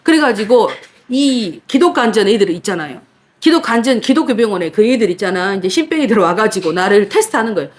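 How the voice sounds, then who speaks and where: Animated Korean woman preaching a testimony. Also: mid-range voice, fast talker. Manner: animated storytelling, acting out her past cries and laughter. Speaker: pastor. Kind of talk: sermon with personal testimony.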